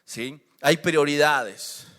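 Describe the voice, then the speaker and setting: A man's voice: on the high side, extremely slow, fairly bright tone, in a large hall. A man with a Mexican accent, a pastor preaching a sermon with emphatic rhetorical questions.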